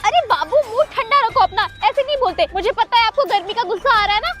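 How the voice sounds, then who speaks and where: A woman's voice: very high-pitched, lively intonation, fast, fairly bright tone, soft background music. A woman voicing a sweet, clingy young girlfriend who talks in a doting, sugary way in a comedy sketch.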